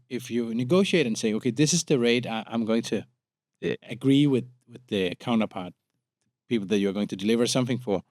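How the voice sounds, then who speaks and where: A Danish man in his late thirties, from Denmark, speaks as a podcast guest in a casual conversational interview, often repeating words as he works out his thoughts. His voice is medium-pitched and a little mellow. The recording is clean studio sound with no room echo.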